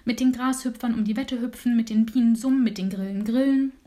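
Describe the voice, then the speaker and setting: A woman voicing a restless little male dormouse in a bedtime storybook, with a higher, eager childlike voice. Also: steady tone, brisk, dark tone, close to an everyday voice. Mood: dreamy.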